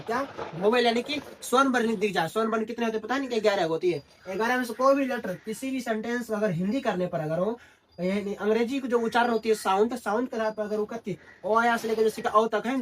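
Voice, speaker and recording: Male tutor, call-and-response classroom delivery. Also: high-pitched. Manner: constantly asks and answers his own questions. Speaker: English grammar teacher. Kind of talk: classroom lesson in Hindi.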